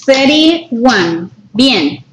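High-voiced lady teacher counting super slow for the class, patient and clear. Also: very animated, reverberant, a little hiss or hum, poor audio. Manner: patient, counts each number out slowly and clearly. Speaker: English teacher. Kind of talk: slow counting drill with explanations.

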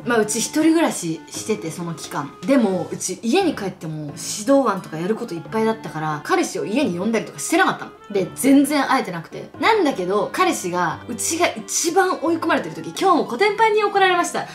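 Fast, lively young woman ranting through a story. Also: fairly high pitch, faint music behind. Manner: animated, ranting, comic retelling. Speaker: video creator. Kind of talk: storytelling vlog.

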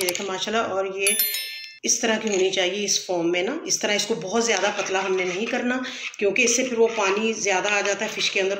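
A woman's voice: mid-range voice, background noise. A woman hosting a cooking tutorial from her home kitchen, explaining each step patiently and often adding blessings. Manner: patient instructive, frequent blessings and self-corrections. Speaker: cooking channel host. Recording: echoey kitchen.

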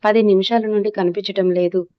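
A stern, serious young husband from a spoken storybook drama, read out by a woman narrator. The voice stays flat and even. The recording sounds dull and close. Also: medium pitch, brisk, no room sound, close to an everyday voice. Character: young husband, worried then angry.

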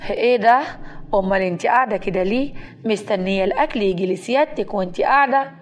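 A woman's voice: mid-range voice, brisk, lightly acted. A woman in Egyptian Arabic voicing a contemptuous, scolding mother-in-law in a storybook tale. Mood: scornful. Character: scornful older mother-in-law.

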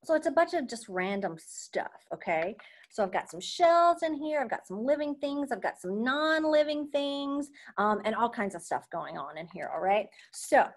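A young adult woman teaching an online marine science lesson to children over a video call, in an upbeat, chatty teacher voice that keeps checking in with "okay?". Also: on the high side. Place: at home.

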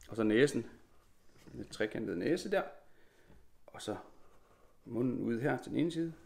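A man with a gravelly, slightly rough voice leads an online drawing class from his home. He talks his viewers through every line he puts down, steady and patient. A faint hiss sits under the recording. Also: mid-range voice. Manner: talks while drawing, narrating each stroke. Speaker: drawing teacher. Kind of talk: live online drawing lesson.

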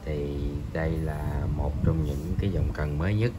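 A man reviewing a fishing rod in a hesitant voice-over, pausing often and filling gaps. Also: extremely low pitch, background noise. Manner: slow, hesitant, many pauses and fillers.

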